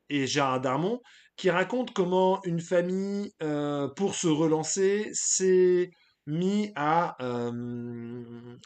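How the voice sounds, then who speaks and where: A man with a fairly high voice runs a relaxed live stream. He chats loosely and gives his opinions, stopping often to hesitate and to greet people in the chat. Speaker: streamer hosting a live tier list. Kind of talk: casual live-stream chat, reading the chat aloud.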